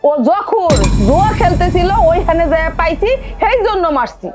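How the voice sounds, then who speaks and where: A woman's voice: very high voice, normal speed, loud music behind the voice. A woman playing a stern, protective grandmother. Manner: scolding, pleading. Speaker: grandmother in a family drama. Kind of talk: television drama acting.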